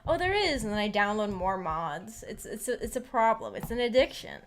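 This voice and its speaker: A woman with a mid-range voice and lively intonation speaks briskly, with a little hiss or hum on the audio. She hosts a casual visual novel book club livestream over background music, reading comments aloud and answering in a hesitant, rambling way that often trails off.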